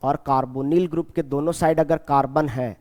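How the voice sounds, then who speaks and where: A man gives a chemistry lecture in a slightly high, mellow voice. He repeats each name slowly and keeps asking his students questions. The sound rings with a long reverb, as in a large bare room. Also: steady tone. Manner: repeats key names slowly and asks the class questions. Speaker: chemistry teacher. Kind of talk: classroom lecture.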